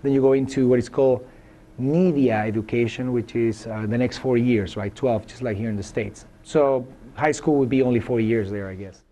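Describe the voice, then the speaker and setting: A Chilean man in his thirties, a university professor, answers interview questions in English with a Chilean Spanish accent. He speaks thoughtfully and haltingly, with many fillers and restarts, in a mid-range voice with a dark tone.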